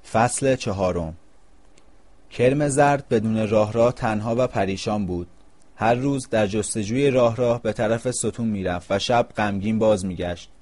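A man narrating a storybook in a calm, measured reading voice. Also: lowish voice.

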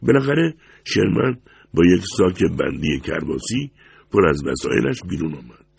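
A man with a gravelly voice narrating a story steadily, close to the mic. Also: low-pitched, no echo. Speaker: audiobook narrator.

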